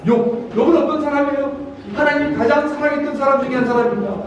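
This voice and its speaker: A man's voice: extremely high pitch, quick pace, highs cut off. A man preaching a sermon as a pastor, emphatic, often calling out to his congregation. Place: church sanctuary. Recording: very echoey hall, mic far off, faint noise.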